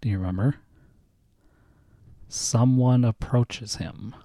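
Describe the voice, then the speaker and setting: Patient American dad, mellow voice. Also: male voice, mid-range voice, slow, no room sound, clean studio sound. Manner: patient, teacherly, asks leading questions. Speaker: podcast host and father. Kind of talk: casual chat with his child.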